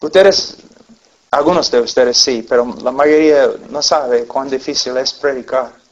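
On a dull, lo-fi recording, a man with a mid-range voice preaches an unhurried sermon to his congregation. He tells stories earnestly and acts out the voices of the people in them.

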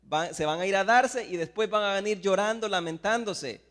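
Salvadoran preacher with a high voice. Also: male voice, moderate pace, in a large hall. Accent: Salvadoran Spanish. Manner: swings between hushed asides and loud emphatic Bible readings. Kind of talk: sermon.

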